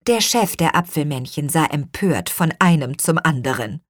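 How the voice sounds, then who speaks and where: A woman reading a children's audiobook in an expressive, unhurried way. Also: sits low, no room sound, clean studio sound. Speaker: audiobook reader. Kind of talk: scripted children's story narration.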